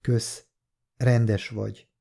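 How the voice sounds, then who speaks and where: A man's voice: on the low side, flat delivery, creaky, dark tone. A man voicing a distressed, worn-out young woman who speaks in a faltering, tearful way. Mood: weary, tearful.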